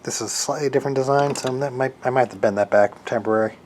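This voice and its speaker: In an easygoing, unrehearsed how-to, a man who builds as a hobby thinks aloud and hesitates while his hands stay busy. The voice is mid-range and slightly mellow, with a bit of background noise.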